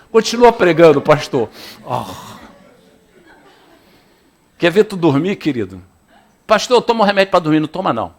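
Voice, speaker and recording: Lively, high-voiced Rio pastor. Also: male voice. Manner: lively, playful preaching with audience call-and-response. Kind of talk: sermon. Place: church.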